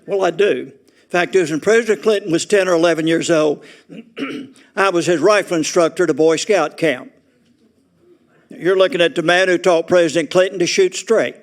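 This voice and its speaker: Folksy older Southern preacher. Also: male voice, high voice, normal speed. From Arkansas. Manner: folksy joking storyteller, laughs through his lines. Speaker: retired Baptist preacher, guest speaker. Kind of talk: humorous after-dinner style speech. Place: meeting room at a retirement community.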